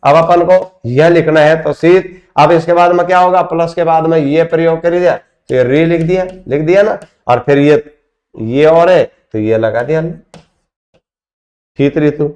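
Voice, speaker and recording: A man with a somewhat high voice teaches a grammar lesson at the board. He works through examples step by step, calling his students friends and asking them questions he then answers himself. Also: a little slow, a little mellow. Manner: explains step by step, asks rhetorical questions.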